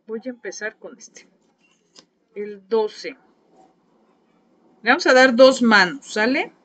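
Casting: Mexican woman, craft teacher, a bit high-voiced, gossipy and warm with her viewers on a live class. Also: animated, takes it slowly. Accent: Mexican Spanish. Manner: chatty, gossipy, coaxing viewers to talk. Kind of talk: live painting class chat.

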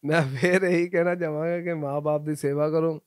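A man's voice: a little high, fairly even intonation, a little fast, smooth, no room sound, studio quality. A Punjabi-accented man, a singer, giving earnest advice in an interview, with sung passages between his answers.

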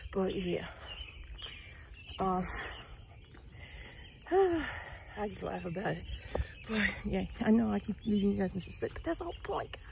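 Tired woman rambling into her earbuds on a morning walk, kinda gravelly, noisy outside audio w/ birds. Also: medium pitch. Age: middle-aged. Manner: rambling, chatty, trailing off with ums. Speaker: vlogger. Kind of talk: casual chat while walking. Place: outdoors on a suburban street before dawn. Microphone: wireless earbuds, phone at arm's length.

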